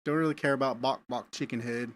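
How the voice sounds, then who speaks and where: While live-streaming a game, a man chats casually with his viewers in a medium-pitched, steady voice at a quick pace. He often repeats words as he thinks out loud.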